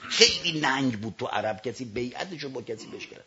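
A man with an expressive, mid-range voice delivers a storytelling sermon in lo-fi sound. He swings from hushed narration to loud declaiming, with slow, drawn-out recitations.

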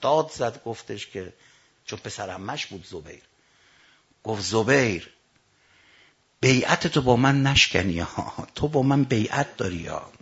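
Male preacher, sermon storytelling, raspy fry in the voice, hushed then booming, slow drawn-out recitations, dull lo-fi recording. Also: animated. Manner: swings from hushed storytelling to loud declaiming.

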